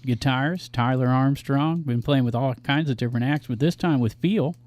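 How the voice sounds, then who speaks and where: A man's voice: mid-range voice, moderate pace, darkish tone, dry recording. A man hosting a casual talk show, bantering informally and reading out local gig listings. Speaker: show host.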